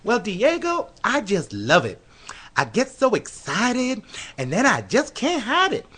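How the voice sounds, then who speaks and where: A man's voice: high-pitched, wildly swooping pitch, unhurried, sharp tone, slightly rough, exaggerated voice. A man playing a flamboyant, flirtatious male dance instructor who gushes giddily, in a comedy radio sketch. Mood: giddy. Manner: gushing, giddy and flirtatious.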